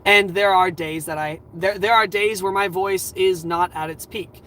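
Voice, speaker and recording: Hosting a livestream, a man in his twenties offers earnest, reassuring advice, rambling and halting with lots of fillers. His high voice sounds a little scratchy and tired, with a sharp tone and fairly even intonation.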